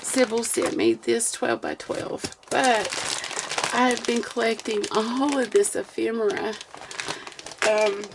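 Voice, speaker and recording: A woman with a Southern US accent chats casually to her vlog viewers. Her voice is fairly high with a lot of creak, and she takes her time over her words, with some noise behind her. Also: lively intonation, takes it slowly. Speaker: vlogger opening mail.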